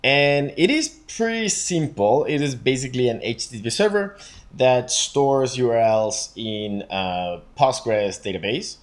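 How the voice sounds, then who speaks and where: A man's voice: mid-range voice, expressive, unhurried. A man hosting a programming show, casually walking through a code review and thinking aloud with plenty of fillers.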